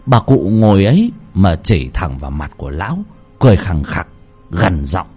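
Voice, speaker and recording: A man's voice: low voice, sing-song, normal speed, mellow, slightly rough, soft background music. A man narrating a horror story in a dramatic, suspenseful way.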